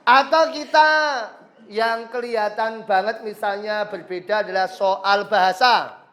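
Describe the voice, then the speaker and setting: A man teaches a religious education class, joking with pupils, quizzing them, and acting out voices in short anecdotes. His voice is high-pitched and fairly bright, with a steady tone and an unhurried pace.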